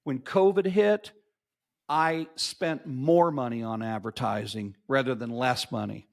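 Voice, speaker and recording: A marketing agency owner in his fifties, guesting on a podcast, tells animated interview stories in a mid-range voice with vocal fry, a little on the slow side. His delivery is emphatic and motivational, and he repeats key phrases for effect.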